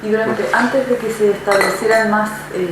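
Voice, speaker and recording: Woman interviewer, kinda hesitant questions, super roomy echo and clear background hiss. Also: mid-range voice, steady tone, normal speed. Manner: tentative, searching phrasing. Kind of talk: oral history interview questions. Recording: very echoey room with noise, off-mic.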